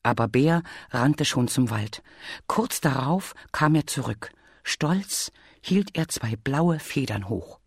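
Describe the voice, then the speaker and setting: A storyteller reading a children's story aloud in a calm, clear way. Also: mid-range voice, slow, no room sound, studio quality.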